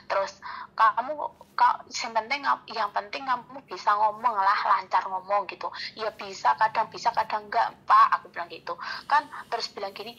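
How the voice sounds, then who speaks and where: Gravelly, bright-voiced woman storyteller. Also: a little high, lo-fi sound. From Indonesia. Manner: recounts dialogue, repeating "aku bilang kayak gitu". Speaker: domestic worker telling her story. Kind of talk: casual storytelling vlog.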